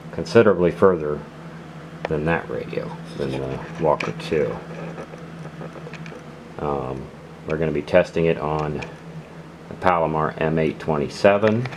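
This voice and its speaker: The host of a radio gear channel, a man with an extremely low-pitched voice, runs a casual product demonstration. He explains things unhurriedly and haltingly, piece by piece, with clear background noise in the recording.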